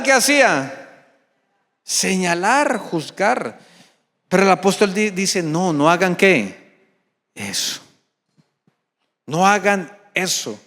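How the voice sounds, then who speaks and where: A young man delivers a sermon in a high voice at an unhurried pace, drawing the words out. He keeps throwing questions to the congregation and answering them himself, emphatic and direct. His voice rings with the long reverb of a big church hall. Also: a bit bright. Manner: rhetorical call-and-response questions, emphatic. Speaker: pastor. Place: large church sanctuary.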